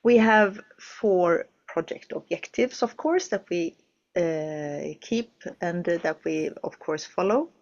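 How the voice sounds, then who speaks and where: A woman hosts an online project session from a studio as a webinar host, speaking hesitantly with many fillers and restarts. Her voice is on the low side and slow, and the recording sounds muffled.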